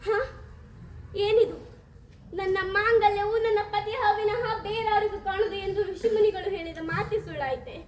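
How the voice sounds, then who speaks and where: A woman's voice: very high voice, fairly even intonation, measured pace, a little hiss or hum. A young woman on stage voicing a grieving queen and devoted wife, crying and pleading. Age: late teens. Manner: wailing, tearful pleading. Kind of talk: stage mono-acting. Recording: echoey hall.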